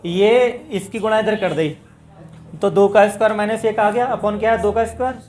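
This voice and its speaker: A man's voice: high-pitched, steady tone, normal speed, darkish tone, slight background noise. North indian guy teaching maths, walks thru each step, calls students bhai. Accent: Hindi, north Indian. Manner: talks through steps, addresses students as bhai. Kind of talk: classroom maths lesson.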